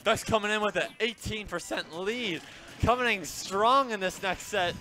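A man's voice: sits high, normal speed, pushed and bright. A young man commentating a live gaming tournament on a headset, laid-back and chatty with a joking streak. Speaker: esports commentator. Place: small game center room with shelves.

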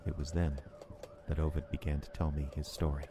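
Storm noise runs under this very deep, level male voice as it narrates a little fast. The actor plays a working man uneasily telling his own snowbound horror tale on radio, dramatic and brooding, in a mood of hushed unease.

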